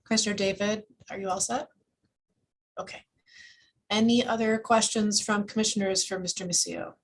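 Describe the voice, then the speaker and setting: A woman chairing a commission meeting, calling on speakers in a brisk, procedural way. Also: mid-range voice, little pitch movement.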